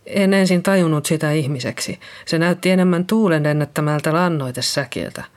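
An audiobook reader, in a natural mid-range voice, plays a shaken middle-aged nurse under police questioning. The character sounds nervous, hesitant, and apologetic.

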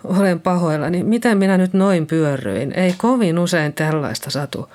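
A reader voicing Liisa, a nervous middle-aged nurse who found a body and speaks in a hesitant, shaky way. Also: female voice, lowish voice, animated, a little mellow, lightly acted. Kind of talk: audiobook reading.

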